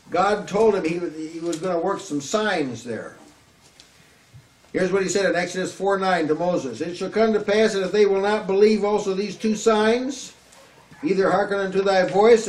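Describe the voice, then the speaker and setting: A man's voice: sits high, darkish tone. An older man with a Southern US accent preaching an earnest, emphatic sermon at a lectern, often restarting his phrases. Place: small room before a curtain backdrop, at a lectern. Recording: echoey room, slightly distant mic, faint hiss.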